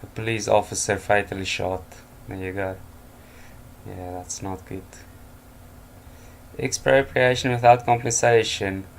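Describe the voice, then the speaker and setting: Exhausted and yawning, a news commentator reads headlines at night from home, adding offhand remarks and chuckles in casual commentary. His gravelly voice is on the low side, with fairly even intonation and a slightly slow pace. A little hiss or hum is audible.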